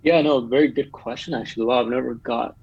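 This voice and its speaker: A man's voice: medium pitch, fairly even intonation, fast talker, a little mellow, breathy edge, no echo, lo-fi sound. A man, talking eagerly as a podcast guest, with lots of um and uh. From Bangladesh. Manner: upbeat, talkative, with frequent um and uh. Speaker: guest entrepreneur. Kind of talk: casual podcast chat.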